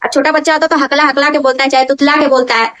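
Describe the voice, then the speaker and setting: Woman teacher with a high voice, goes slow over each word, keeps asking "got it?". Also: level tone, a bit bright, rough recording. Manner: explains step by step, keeps checking if students understood; repeats key words slowly and drills them. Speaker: Sanskrit grammar teacher. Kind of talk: classroom-style lesson. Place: in front of a board.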